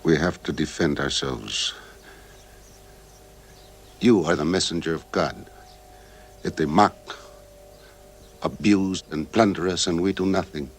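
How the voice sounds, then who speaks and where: A man's voice: sits low, unhurried, pauses often, a little hiss or hum. An actor playing a fierce grown man who pleads with his leader to go to war, in a film drama. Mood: urging. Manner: impassioned, pleading, rising to a shout. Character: fiery grown man, fierce kinsman urging battle.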